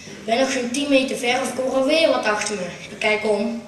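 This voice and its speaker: A woman's voice: fairly high pitch, brisk. Woman telling comic stories on stage. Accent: Brabant Dutch. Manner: storytelling with punchlines, lively. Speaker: carnival stage performer. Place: small theatre stage. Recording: roomy, distant amateur stage recording.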